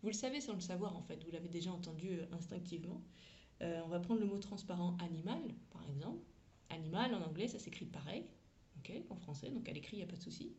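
A woman's voice: fairly low pitch, expressive, fast, dark tone, highs cut off. A woman who teaches English, talking through a lesson in a chatty, frank way with slang and asides. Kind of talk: casual teaching monologue.

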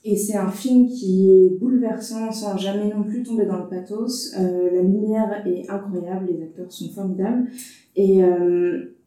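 A woman's voice: medium pitch, steady tone, a little slow, dark tone, heavy reverb, recorded from a distance, low-quality recording. A woman reviewing films in a casual panel discussion, hesitant with many fillers. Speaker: film critic panelist.

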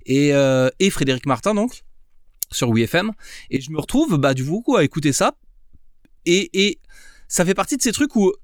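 A man talks through his memories in a relaxed remote conversation, pausing often to search for words. His voice is smooth and clear, recorded with a dry sound and no room echo. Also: fairly high pitch. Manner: reflective, hesitant with many fillers. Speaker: podcast guest. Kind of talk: casual chat.

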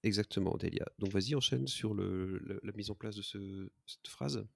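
A man's voice: lowish voice, normal speed, gravelly, a bit bright, dry recording, clean studio sound. A man hosting a casual podcast, joking and hesitating with many fillers. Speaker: podcast host.

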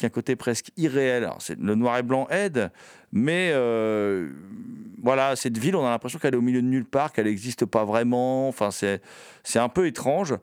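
Halting man reviewing films. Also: medium pitch, dry recording, clean studio sound. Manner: hesitant, many fillers and restarts. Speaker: film program host. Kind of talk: unscripted film review.

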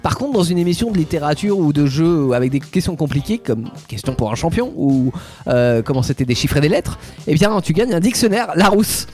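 A man's voice: fairly high pitch, lively intonation, brisk, a little mellow, faint music behind. A man hosting a radio show, announcing a game and teasing his co-hosts in playful banter.

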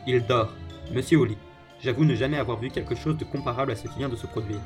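A man's voice: medium pitch, fast talker, music in the background, natural voice. An actor playing a male doctor who reports in amazement. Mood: amazed. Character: astonished male doctor from the mental forces.

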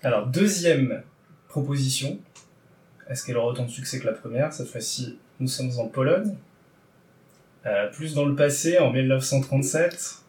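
A man hosts a podcast segment running a book draw, chatting casually in a playful, wordy, teasing manner. His voice is medium-pitched and darkish at a moderate pace. He sits far from the mic in a roomy space, with a little hiss or hum.

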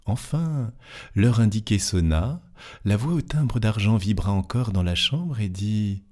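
A man reading a classic fantastic tale aloud in a measured, expressive way, lingering over descriptions. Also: fairly low pitch. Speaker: narrator.

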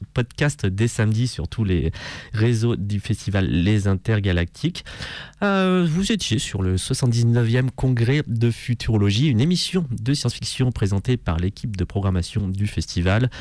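Rambling radio host, dry sound. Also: male voice, medium pitch, a little mellow, no room sound. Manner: rambling, many fillers and restarts. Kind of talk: casual radio talk.

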